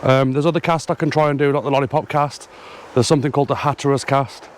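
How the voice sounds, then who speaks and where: Man, casual outdoor vlogger, mid pitch, slightly winded, rambling with ums, faint outdoor noise. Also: steady tone, quick pace. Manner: chatty, hesitant, lots of ums. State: a little out of breath. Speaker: fishing vlogger. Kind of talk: casual talk to camera. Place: outdoors in a field. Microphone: action camera.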